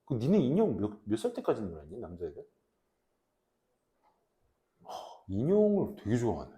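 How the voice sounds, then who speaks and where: A man in his forties teaching a high school English class in a casual, joking way, reading English slowly and translating it. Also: huge pitch swings, dark tone, roomy sound, lo-fi sound. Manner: chatty, jokes with students, asks them questions; reads English slowly, then translates into Korean.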